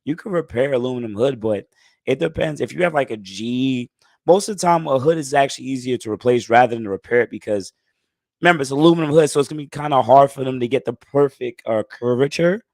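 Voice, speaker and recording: This channel host, in his thirties, answers live chat during a relaxed stream Q&A, talking fast and easygoing with plenty of "you know what I'm saying." His medium-pitched voice is a little mellow but hoarse, since he's still getting it back. The recording is dry.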